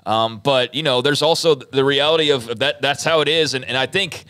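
Here a young man's bright, pushed voice sits in the middle range at an ordinary speed. He's co-hosting a studio sports talk show on a studio mic with headphones, musing as he talks and restating his thoughts.

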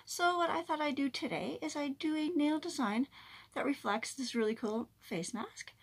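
A woman's voice: high voice, normal speed. A woman talking through a face mask as she opens a casual nail art vlog, chatty and upbeat. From Canada. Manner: chatty, upbeat, says "groovy". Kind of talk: casual tutorial chat.

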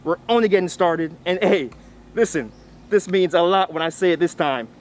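A man's voice: sits high, moderate pace. A man in his thirties hosting a vlog to camera through a face mask, emphatic and repeating phrases for effect. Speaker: video series host. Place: outdoors on a tree-lined roadside.

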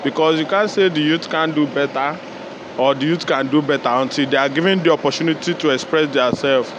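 A man's voice: a little high, fairly quick, muffled recording. Nigerian man quoting a proverb, street noise. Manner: opens with a proverb, decisive. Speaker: interviewee. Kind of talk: street interview answer. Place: outdoors by a shopfront. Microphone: phone held close by interviewer.

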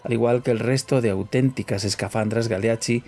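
A man's voice: mid-range voice, fairly even intonation, brisk, darkish tone, faint music behind. A man presenting in the style of a scripted documentary narration.

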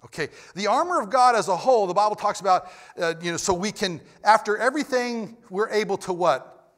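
A man preaching a sermon in a church, moving between quiet, close talk and loud, emphatic bursts, with frequent restarts and repeated words. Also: sits high, lively intonation, fairly quick. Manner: swings from loud emphatic shouts to quiet near-whispers. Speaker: pastor. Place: church sanctuary.

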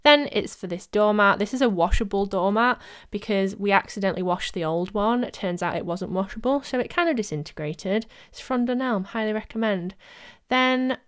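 A young woman talks through her cleaning vlog in a relaxed, chatty voice-over. Her voice is smooth and clear, pitched in the middle, and she often pokes fun at herself. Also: normal speed. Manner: chatty, self-mocking, laughs often. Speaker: vlogger. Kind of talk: casual voice-over narration. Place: home studio, voice-over recorded separately.

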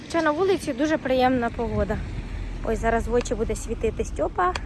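A woman's voice: a little high, lively intonation, fast talker, heavy background noise. A young woman vlogging casually as a mother, chatting to the camera and cooing to her baby. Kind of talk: casual daily vlog.

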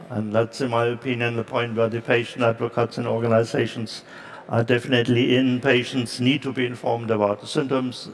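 An older man chairing a conference panel on stage, speaking haltingly with many fillers into a headset mic. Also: medium pitch. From Germany. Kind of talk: moderating a panel discussion.

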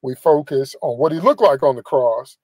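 A man's voice: medium pitch, animated, normal speed, a little mellow, no room sound, low-quality recording. A middle-aged man preaching a live-streamed sermon from inside a car into a phone held at arm's length, emphatic and repeating phrases for emphasis. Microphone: phone camera at arm's length.

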